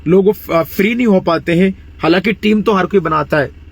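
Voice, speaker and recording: Twenty-something man giving a persuasive pitch. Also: normal speed. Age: 20s. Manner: code-mixes English phrases, repeated fillers like "you know"; clears throat often. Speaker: network marketing promoter. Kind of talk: persuasive motivational sales pitch to viewers.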